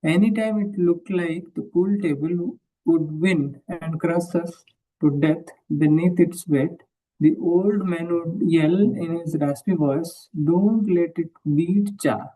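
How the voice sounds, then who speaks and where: Book reader; slow and mellow, halting, rereads lines. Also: medium pitch, steady tone, recorded from a distance, rough recording. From India. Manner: halting, rereads and repeats phrases. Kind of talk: reading a book aloud and discussing it.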